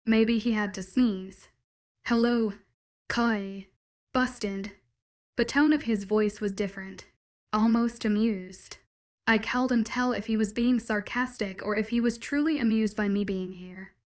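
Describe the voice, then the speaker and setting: Female narrator, mid pitch, wry conversational audiobook read. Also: unhurried, a little mellow. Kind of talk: first-person audiobook narration.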